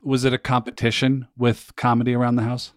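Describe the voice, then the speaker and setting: A man's voice: mid-range voice, completely flat delivery, fairly quick. A man hosting a podcast, moving between scripted narration and casual interviewing with a dry, wry sense of humor.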